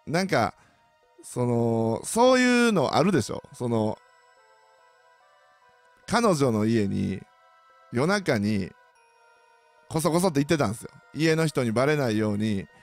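Animated man telling a story in Kansai dialect. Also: mid-range voice. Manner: animated storyteller, sound effects and self-mockery. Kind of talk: comic personal anecdote.

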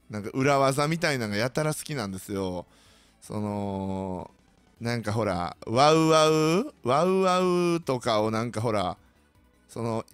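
Ranting Kansai man with a lively voice. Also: mid-range voice, dry recording. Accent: Kansai Japanese. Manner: ranting, sardonic, animated storytelling. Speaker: host. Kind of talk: casual monologue to listeners.

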